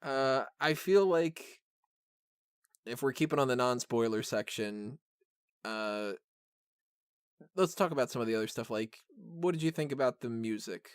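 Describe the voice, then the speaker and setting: Off the cuff, this podcast host talks through a film review in a mid-range, animated voice at a measured pace broken by long pauses. He rambles conversationally, says "like" and "kinda" often, and mixes blunt takes with occasional jokes, all in clean, roomless studio sound.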